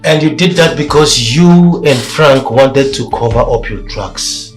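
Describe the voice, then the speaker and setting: An actor playing an accusing, deliberate police officer in a film drama. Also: male voice, medium pitch, soft background music, natural voice.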